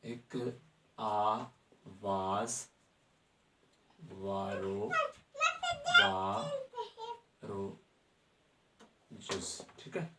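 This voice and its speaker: A man with a Sindhi accent teaching a grammar lesson, often checking that the class has understood. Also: mid-range voice. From Sindh, Pakistan. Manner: checks understanding with frequent rhetorical questions. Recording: echoey room, mic at a distance, faint noise.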